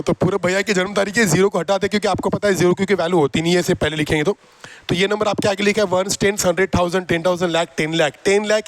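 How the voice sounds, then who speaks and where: A man teaches a classroom math lesson in a noticeably high voice. He jokes and teases his students, coaxing them again and again to answer. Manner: teasing, joking with students; coaxing and repetitive.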